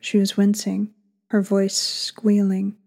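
A woman author reading her erotic story aloud slowly and sultrily, sometimes dropping into a breathy whisper. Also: mid-range voice, completely flat delivery, dark tone. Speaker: author and co-host.

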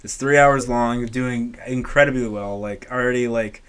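A man's voice: medium pitch, moderate pace, fairly bright tone, clear, resonant tone. A man hosting a casual podcast, joking around and laughing often. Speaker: podcast host.

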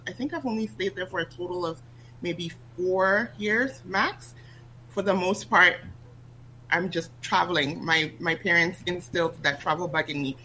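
A guest from Ghana, an online business coach, chats casually in an interview, lively, laughing often and restarting sentences. Her voice is bright yet on the low side, and the rough recording carries a faint hum beneath it.

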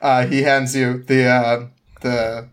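A man's voice: mid-range voice, level tone, slow. A man narrating a tabletop game as game master, rambling with many fillers and restarts.

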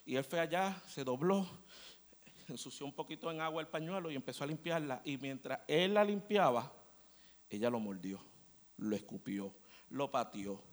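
A male preacher tells a story to his church in an animated way, now and then asking the room to agree. His voice sits a little high for a man. It carries a long reverb from the sanctuary. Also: moderate pace. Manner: animated storyteller, asks the congregation "¿verdad?". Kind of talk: storytelling sermon.

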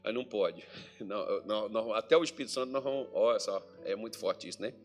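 A man's voice: quick pace, soft background music. A Brazilian man preaching a sermon as pastor in a church hall, chatty and joking with the congregation. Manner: jokey, chatty preaching with lively pitch swings.

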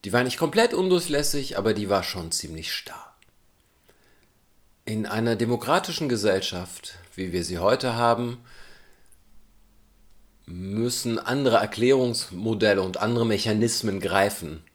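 Lively, thoughtful man musing aloud. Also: on the low side, measured pace. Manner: thoughtful, argumentative, questioning. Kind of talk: reflective spoken essay.

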